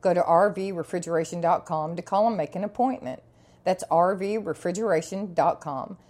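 A woman reading a scripted advertisement in a steady, clear delivery. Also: on the low side, fairly quick. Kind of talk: scripted ad read.

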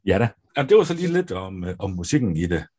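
Husky low-voiced Danish man, lively. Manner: upbeat, lively, laughs easily, eggs on his co-host. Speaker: podcast co-host. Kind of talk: casual podcast chat.

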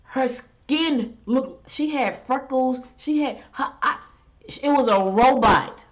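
She speaks slowly but expressively, a middle-aged solo talk show host with a stuffy head cold who chats freely and rants in exasperation, her pitch rising. The sound quality is dull and lo-fi.

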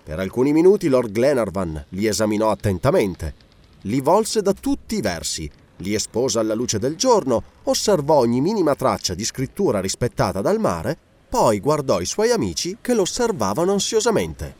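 A man narrating a classic novel as an audiobook, expressive and animated. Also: medium pitch, moderate pace.

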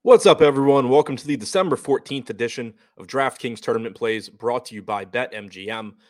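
A man's voice: medium pitch, a little fast, a little hiss or hum. A man hosting a fantasy basketball show, counting down ranked picks and reciting figures in commentary style.

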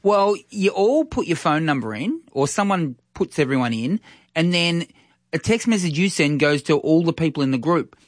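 Lively man bantering on radio. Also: fairly high pitch, moderate pace, no room sound, clean studio sound. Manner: playful, teasing, chuckling. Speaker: radio co-host. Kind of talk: casual banter. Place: radio studio.

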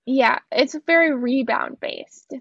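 A woman's voice: high-pitched, takes it slowly, vocal fry, dry recording, muffled recording. A woman co-hosting a casual book discussion, chatty and swearing, acting out quotes. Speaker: book podcast co-host.

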